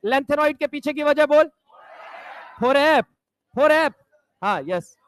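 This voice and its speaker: A man teaching chemistry to a class, bantering and teasing students and drilling mnemonics slowly, sometimes shouting key points. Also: extremely high pitch, expressive, no echo, a faint crowd. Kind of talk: classroom lecture with call-and-response.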